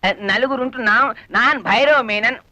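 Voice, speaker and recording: A man's voice: very high-pitched, a little fast, bright, forceful tone, dry recording, heavily acted. An actor playing a jealous, suspicious Malayali husband in his forties, speaking blunt, broken Telugu with a Malayali accent in a comedy film. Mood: quarrelsome. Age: 40s. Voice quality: quarrelsome, blunt, mangled Telugu. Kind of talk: comic film acting.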